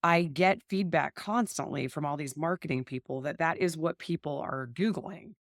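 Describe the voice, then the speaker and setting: A woman's voice: deep voice, moderate pace, dry recording, studio quality. A woman hosting a family law podcast, talking earnestly and thinking aloud. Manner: earnest, thinks aloud with many 'like' and 'right'. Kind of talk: casual conversation.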